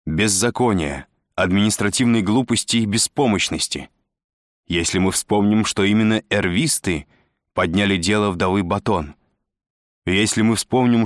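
A man doing a restless, mocking man who hisses and splutters through his lines. The voice rides above a deep natural register, the recording dry and close with no room sound. Part of an audiobook reading. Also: no echo. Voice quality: hissing, spluttering. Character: agitated sardonic man, hissing and spluttering.

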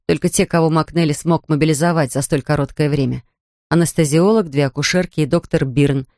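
A tense, measured audiobook narrator. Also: medium pitch, darkish tone, no room sound, clean studio sound.

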